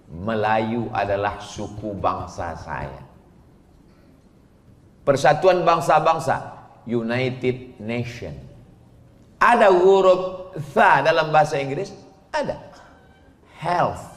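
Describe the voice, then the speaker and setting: Slow-talking preacher in an echoey hall. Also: male voice, mid-range voice. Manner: playful, teasing questions, chanted Quran recitation. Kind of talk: lively religious lecture. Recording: echoey hall with long reverb.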